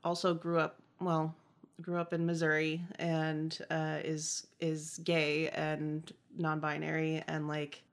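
A woman's voice: low-pitched, completely flat delivery, slow pace. A woman in her thirties co-hosting a podcast in a chatty, casual way, with plenty of fillers and laughs. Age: 30s. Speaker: podcast co-host. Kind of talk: casual chat.

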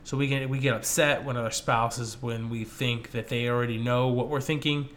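A man's voice: medium pitch, steady tone, normal speed, fairly bright tone. A man co-hosting a casual faith-based chat about marriage, rambling with many fillers. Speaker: co-host.

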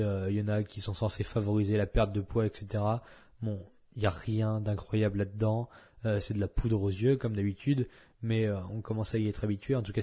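A man's voice: lowish voice, dark tone. A man hosting a solo podcast, talking casually and frankly with many fillers and restarts. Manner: blunt and frank. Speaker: podcast host.

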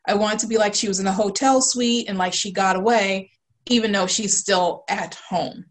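A woman's voice: medium pitch, fairly even intonation, moderate pace. A woman guest on a video call talking about her design work, gushing and full of fillers. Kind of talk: casual interview.

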